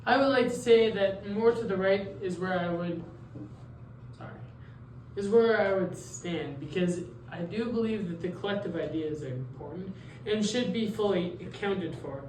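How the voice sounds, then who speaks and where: Playing an idealistic Jean-Jacques Rousseau, a teenage student gives earnest, hesitant answers in a school role-play interview, often self-correcting. Their mid-range voice moves at a moderate pace, a little mellow and close to everyday speech. A distant mic picks up a roomy sound with faint noise.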